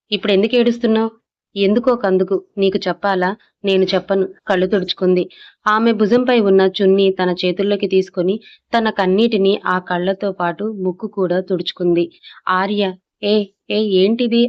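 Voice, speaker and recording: A woman reading a romantic serial story aloud as narrator, voicing the characters' dialogue in her own voice with little change. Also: medium pitch. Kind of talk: scripted audiobook narration. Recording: slightly dull lo-fi audio.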